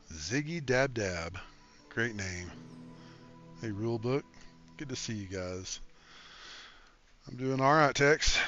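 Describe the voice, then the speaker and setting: A man streaming a game, greeting viewers by name in relaxed live-stream chat. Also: medium pitch, lo-fi sound. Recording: stream with steady background noise.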